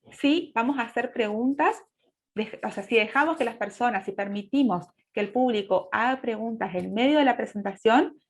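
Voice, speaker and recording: A woman teaching public speaking in a webinar, setting out her points in order over a video call. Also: a little high. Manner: orderly, lists points in sequence. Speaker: speech coach. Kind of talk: webinar lecture. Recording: dull lo-fi audio.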